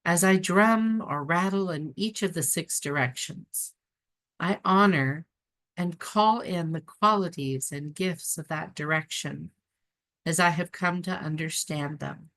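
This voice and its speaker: A woman with a notably low voice reads aloud from a spiritual book. Her delivery is calm and unhurried, and she breaks in now and then with casual, chatty asides.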